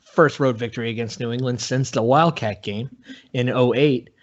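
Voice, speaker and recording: A podcast guest offers casual sports analysis in a medium-pitched male voice, speaking in a measured, halting way. The audio is dull and lo-fi.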